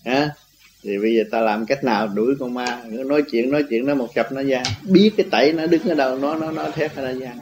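With a noisy background, a man speaks briskly in a mid-range voice during an informal religious teaching talk. He rambles, repeats himself, and laughs often.

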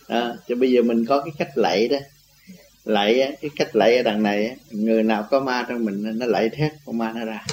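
A man with a dark, mellow voice speaks at an even middle pitch, teaching in a loose, rambling way. He repeats words and laughs now and then. A faint hum sits under the recording. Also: a little fast, rough recording. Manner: rambling, repetitive, laughs often. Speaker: spiritual teacher. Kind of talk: informal religious teaching talk.

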